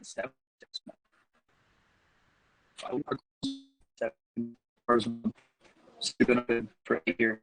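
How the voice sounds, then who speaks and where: A man's voice: mid-range voice, monotone, fairly bright tone, low-quality recording. A man coaching on sales over an online call, his audio choppy and breaking up. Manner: casual, fast, filler-heavy. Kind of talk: live online coaching talk.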